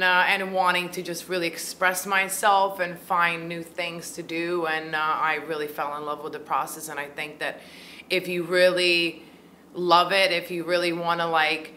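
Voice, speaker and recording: Answering an interviewer's questions in a small film-festival room, this thirty-something Croatian filmmaker and actor talks chattily and fills her speech with fillers. The interviewer holds a handheld mic to her fairly low, level, sharp-toned voice, which moves at a measured pace over a little hiss or hum.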